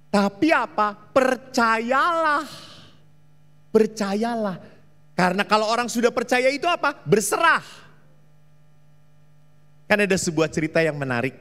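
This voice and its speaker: Lively Indonesian priest in a reverberant hall. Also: male voice, normal speed, pauses often. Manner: lively preaching, questions to the congregation; acts out story voices with big pitch leaps. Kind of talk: sermon.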